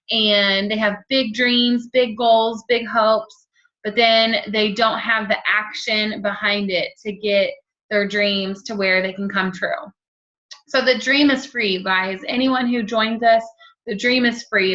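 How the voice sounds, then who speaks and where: Fast-talking bright woman, motivational chat. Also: medium pitch. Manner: quick, chatty, many ums and you-knows. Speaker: network marketing team leader. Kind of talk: casual motivational talk to camera. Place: home. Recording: dull lo-fi home recording.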